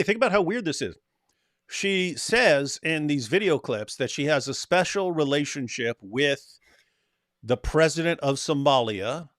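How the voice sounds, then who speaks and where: A man's voice: a little high, fairly bright tone, dry recording, studio quality. A man giving casual, sarcastic commentary over video clips, mocking what he translates. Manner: sarcastic, mocking, interrupts with his own translations.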